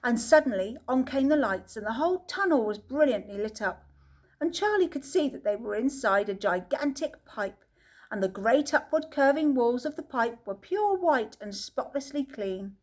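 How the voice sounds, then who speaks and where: A woman narrating a children's book as an audiobook reader, telling the story in a lively way. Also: on the high side, normal speed.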